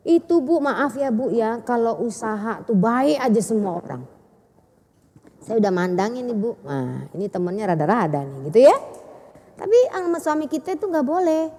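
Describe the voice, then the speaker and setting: A woman preacher, giving a chatty, animated sermon to women and acting out dialogue. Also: fairly high pitch, normal speed, big-room sound, slight background noise. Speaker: Islamic preacher.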